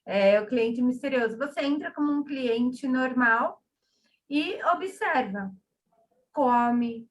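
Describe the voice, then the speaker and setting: A woman's voice: high voice, lively intonation. A woman, a business owner explaining her work hesitantly in casual chat. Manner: hesitant, fills with pauses. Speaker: business owner seeking advice. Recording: distant from the mic.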